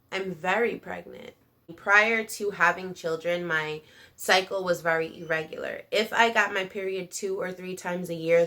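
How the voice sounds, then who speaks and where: A woman, probably in her thirties, hosting a casual storytime vlog in a chatty, animated, slangy way, speaking straight to viewers. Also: on the low side. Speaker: video channel host.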